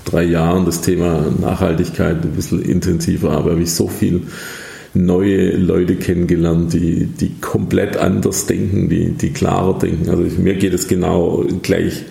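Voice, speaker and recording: A man's voice: low-pitched, flat delivery, moderate pace, creaky, mellow, roomy sound. A man hosting a casual interview, asking rambling questions with hesitations. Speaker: interview host.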